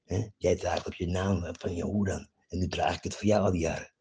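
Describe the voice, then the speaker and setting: A man delivering a rambling, profane rant at a friend, jumping between topics and swinging between low muttering and loud outbursts, often tossing in a questioning "eh?". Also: steady tone, brisk, slight background noise.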